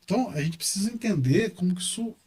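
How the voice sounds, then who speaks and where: Animated Brazilian man with a higher voice. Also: fast. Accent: Brazilian Portuguese. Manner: animated, repeats words for emphasis. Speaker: guest, university professor and engineer. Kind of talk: casual podcast interview.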